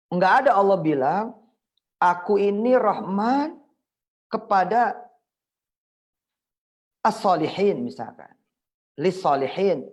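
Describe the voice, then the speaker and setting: A middle-aged man preaching in a virtual study circle, telling a story with lively swings, acting out prayers and scolding parents. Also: on the high side. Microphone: video call.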